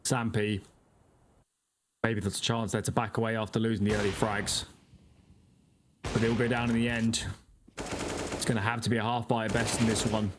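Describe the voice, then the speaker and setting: Lowish-voiced male esports caster, analytical. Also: flat delivery, moderate pace, long pauses. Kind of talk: live esports commentary with tactical analysis. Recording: noisy, game gunfire behind the voice.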